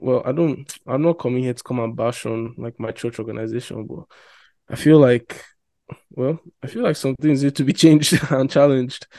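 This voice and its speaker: A young man talks through his thoughts slowly, hedging with fillers as he works out what he means. His voice is mellow and soft-edged. The recording is dry and close, with no room sound. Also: medium pitch, dry recording. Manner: reflective, hesitant, thinks aloud with many fillers. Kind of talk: casual chat.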